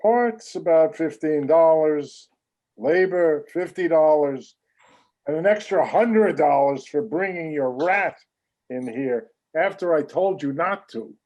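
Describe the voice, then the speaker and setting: A weary old watch repairman grumbles through his days with slow, sarcastic complaints, as a man reads him. His pitch sits a touch high for a man and swings widely between mutters and outbursts. He sounds put-upon and short on patience. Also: lively intonation, darkish tone, dull audio. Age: older. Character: grumpy aging male watch repairman, weary. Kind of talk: script reading.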